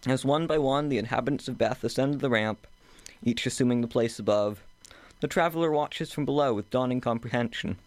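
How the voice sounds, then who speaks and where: A young man, a student, reading his own short story aloud at a measured, steady pace. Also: mid-range voice, dry recording. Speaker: student author.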